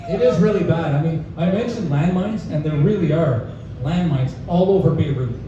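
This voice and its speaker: His voice fairly high and his speed normal, a young Canadian man does a casual stand-up set for a live pub audience, sprinkling in "uh" fillers and laughing at his own lines. The recording, from a distant mic in an echoey bar room, sounds dull and noisy.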